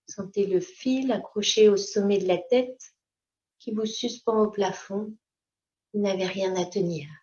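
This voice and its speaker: Leading a guided yoga nidra practice at a slow pace, this woman offers short, soft instructions with unhurried calm. Her voice is mid-range, captured in a dull, low-fidelity recording.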